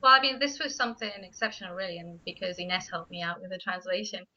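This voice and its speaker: Speaking fast in a lowish, fairly even voice with a bright, forceful tone, this Spanish woman discusses her writing as a guest on a radio interview, frequently stopping and restarting. She's a native Spanish speaker, recorded on a studio microphone with muffled sound.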